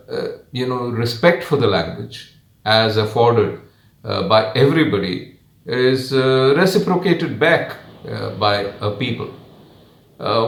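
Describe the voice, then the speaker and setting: Echoey Kannadiga-accented man, deliberate and emphatic. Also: medium pitch. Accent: Kannadiga Indian English. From Karnataka, India. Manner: measured, deliberate, emphatic phrasing with frequent pauses. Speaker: guest commentator. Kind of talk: television interview opinion. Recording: roomy, echoing sound.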